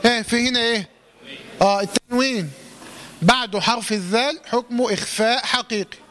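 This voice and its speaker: A man with an Egyptian accent teaching Quran recitation rules, quizzing students, correcting them and reciting verse fragments slowly. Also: very high voice, a bit bright. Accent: Egyptian Arabic. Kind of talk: tajweed lesson, call-and-response drilling.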